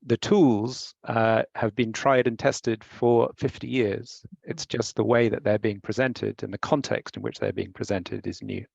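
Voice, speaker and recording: Gravelly-voiced man explaining, dry and muffled. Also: on the low side, no echo. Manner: measured, explanatory. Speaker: company head explaining a training method. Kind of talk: panel discussion. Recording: dry, dull lo-fi sound.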